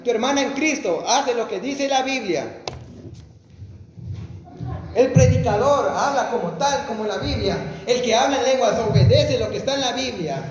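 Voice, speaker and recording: A man's voice: very high-pitched, normal speed. A man preaching a sermon and questioning the congregation directly. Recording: echoey hall, faint noise.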